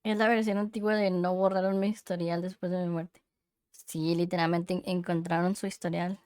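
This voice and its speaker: A woman's voice: fairly low pitch, little pitch movement, normal speed, a little mellow, smooth, no room sound. A woman streamer with a cute anime-streamer manner, chatting casually as she reacts to a video.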